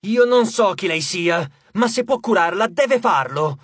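A man's voice: high-pitched, animated, a little slow, a bit bright, breathy edge, no room sound, heavily acted. Man doing grim young underworld demigod, growling threat, dry studio read. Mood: fierce. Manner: tense, growling. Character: grim young male son of the underworld, fierce. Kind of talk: audiobook character reading.

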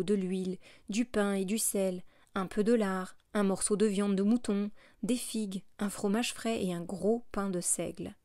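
A woman reading a classic novel aloud as an audiobook narrator, in a steady, measured way. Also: mid-range voice, no echo, studio quality.

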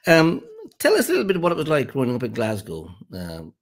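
An older man interviewing a guest over a video call, asking measured, friendly questions with a few fillers. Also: mid-range voice, wildly swooping pitch. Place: indoor room at home.

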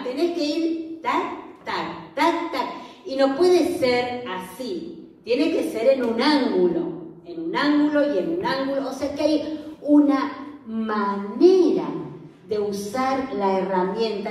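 Woman pastor, Rioplatense Argentine accent, slow unhurried sermon, somewhat high voice, echoey room, distant mic. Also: darkish tone. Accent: Rioplatense Spanish. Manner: conversational, asks the audience questions.

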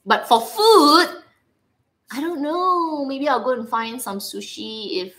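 A woman's voice: high-pitched, slow. A woman with a Singaporean accent hosting a casual livestream, playful and rambling as she chats to viewers. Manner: animated, playful, rambling, reacting aloud to viewers' comments. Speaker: livestream host. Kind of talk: casual livestream chit-chat. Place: living room, indoors.

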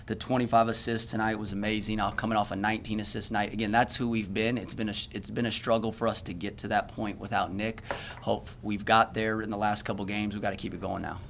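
Low-voiced coach at a press podium. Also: male voice, flat delivery, fast talker, vocal fry, fairly bright tone, a little hiss or hum. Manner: earnest, self-correcting, many restarts. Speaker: basketball coach. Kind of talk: postgame press conference answers. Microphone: podium mic.

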